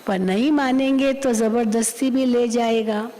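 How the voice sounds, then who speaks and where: A woman spiritual teacher giving a devotional class, telling a parable slowly with many repetitions and acted quotes. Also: a little high, steady tone, dark tone. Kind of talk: devotional class on the daily lesson. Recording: long hall reverb.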